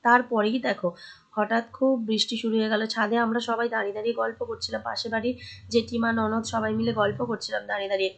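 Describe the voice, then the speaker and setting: A young woman narrates her day in a chatty vlog voice-over, speaking straight to her viewers. Her voice is hoarse and sits a little high. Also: little pitch movement, racing. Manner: chatty, addresses viewers directly. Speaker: vlogger.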